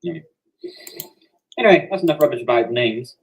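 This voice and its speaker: A man's voice: medium pitch, animated, brisk, poor audio. A young man at a casual line-reading session for a fan dub, joking, swearing and fumbling his lines. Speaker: fan voice actor.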